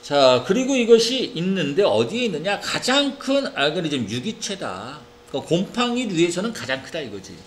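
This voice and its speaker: The speaker is a man with a high voice teaching English reading in an academy classroom, talking at normal speed with few pauses over slight background noise. He has a Korean accent on the English words and a lively style, regularly checking in via tag questions.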